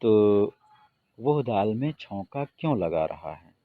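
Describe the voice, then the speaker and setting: A man teaching an English grammar lesson in Hindi, reading the English example sentences slowly and deliberately. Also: fairly low pitch, very animated, phone-quality sound.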